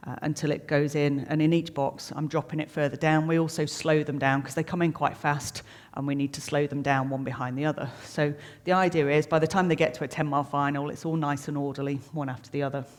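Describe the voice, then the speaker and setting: With a level tone and a quick pace, barely pausing, the mid-range voice belongs to a middle-aged air traffic controller explaining things to a live audience. His talk is informal, chatty and plain, breaking technical detail down simply, and the reverberant room leaves a long echoing hall reverb.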